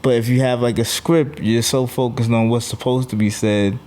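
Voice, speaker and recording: A man guesting on a podcast as a comedian, telling stories in a relaxed way with lots of "like" fillers. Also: medium pitch, normal speed. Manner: easygoing storyteller, lots of "like" fillers. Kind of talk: casual podcast chat.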